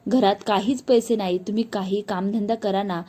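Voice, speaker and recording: Lady storyteller doing a teary young wife begging, soft warm voice. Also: medium pitch, steady tone, normal speed, natural voice. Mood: pleading tearful. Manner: pleading, tearful. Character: young wife, tearful, pleading, frightened.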